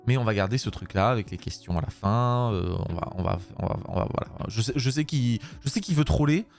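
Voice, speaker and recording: Hoarse streamer guy rambling away, lots of euh, swears at his software, voice all over the place. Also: mid-range voice, animated, a little fast, soft background music. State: hoarse, voice worn out. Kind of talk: casual live-stream chat.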